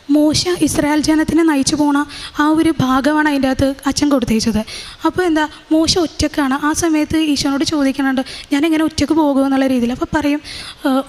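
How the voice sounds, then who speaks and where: A young woman giving an earnest personal faith testimony, halting with fillers and restarts. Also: high-pitched. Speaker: testimony giver.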